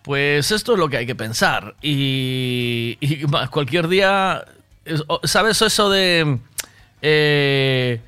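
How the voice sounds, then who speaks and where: A man's voice: a little high, slow, bright, forceful tone, smooth. A man hosting a casual chat, laughing often, swearing freely and acting out what others said. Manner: chatty, laughing often, swearing, acts out quotes.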